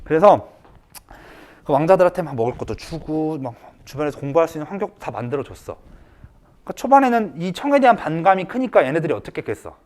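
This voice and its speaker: Guy teaching history, tells it like a story, high voice that jumps all over. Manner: animated, acts out characters in quick asides. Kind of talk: casual storytelling lecture.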